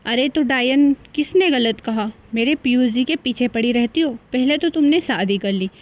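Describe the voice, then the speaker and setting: Possessive cartoon co-wife, a woman playing her: taunting, sharp-tongued, higher pitch. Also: normal speed, natural voice.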